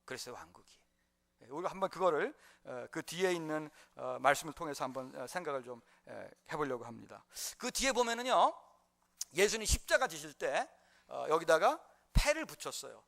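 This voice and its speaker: A man's voice: a little high, big pitch swings, a little fast, vocal fry, a bit bright. A man preaching a sermon in a church, telling the story with lots of "uh" fillers and small chuckles. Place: church sanctuary.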